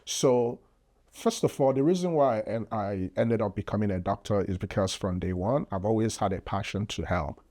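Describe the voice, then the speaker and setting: This Nigerian man, a physician guesting on a podcast, has a fairly low, dark-toned voice and speaks at a moderate pace. In casual interview talk, he explains things earnestly, using lots of fillers and speaking with a Nigerian accent.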